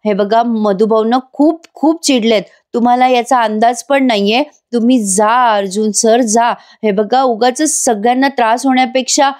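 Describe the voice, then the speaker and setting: A woman's voice: on the high side, moderate pace, few pauses, darkish tone, natural voice. A helpless middle-aged woman, torn and hesitant, turning a visitor away against her will, as a reviewer reads her part. It sounds close to the reader's own voice. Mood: reluctant. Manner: hesitant, reluctant.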